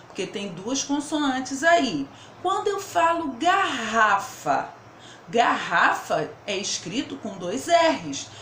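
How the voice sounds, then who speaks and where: A woman primary school teacher giving a remote grammar lesson to children, slowly sounding out example words and checking in with the class. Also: on the high side, a bit bright, roomy sound, a little hiss or hum.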